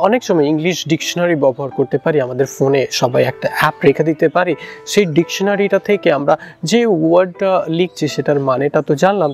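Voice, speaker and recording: Gravelly-voiced Bengali man teaching English. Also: on the high side. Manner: relaxed, with frequent fillers and restarts. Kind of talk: casual instructional talk.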